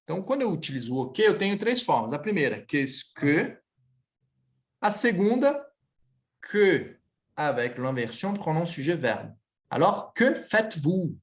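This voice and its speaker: Animated man teaching French. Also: on the high side. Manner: lively, switches between Portuguese and French, slows to model phrases. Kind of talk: online class correcting students.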